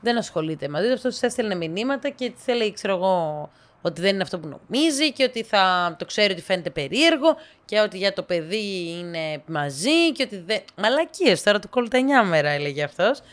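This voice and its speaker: A woman tells funny stories in a relaxed, chatty way. She brings the dialogue to life with sudden jumps up in pitch. Between those she drops into quiet, low asides. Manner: lively, acts out dialogue with sharp pitch jumps. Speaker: storyteller. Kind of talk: casual anecdotal storytelling to listeners.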